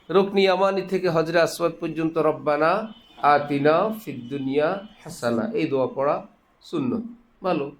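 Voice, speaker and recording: Man preaching with jokes. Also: on the high side. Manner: conversational, jokes and laughs while teaching. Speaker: Islamic preacher. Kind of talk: sermon with humorous anecdotes.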